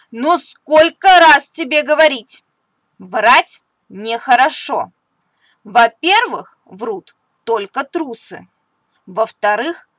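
A caring but stern mother mouse from a storybook, voiced by a woman. Firm and motherly, with a high, bright voice and lively pitch. Dry, close recording. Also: no room sound, full character voice. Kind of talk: storybook reading.

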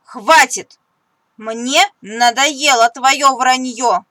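A woman's voice: sits high, extremely slow, pushed and bright, no room sound, pitched above the performer's own voice, full character voice. A woman voicing a caring but stern mother mouse who scolds her son in a storybook reading. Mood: scolding.

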